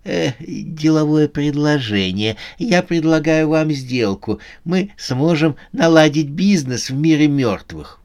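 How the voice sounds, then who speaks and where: A desperate old billionaire, as a man puts him on, yelling and haggling in a voice pushed far above the narrator's own. The tone stays smooth and clear even at its shrillest. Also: slow, few pauses. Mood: bargaining. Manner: shrill, shouting and pleading. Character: desperate old male billionaire, greedy and bargaining.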